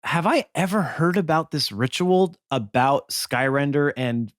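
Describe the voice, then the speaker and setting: A man's voice: a little high, expressive, unhurried, no room sound, studio quality. A man playing in a tabletop game, chatty and asking the game master questions. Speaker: player. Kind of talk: casual game chat.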